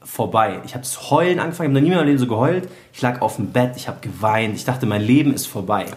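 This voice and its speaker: A man's voice: mid-range voice, quick pace. A young man, telling a personal story earnestly on a podcast. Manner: emotional, earnest, mixes in English phrases. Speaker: podcast co-host. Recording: echoey room.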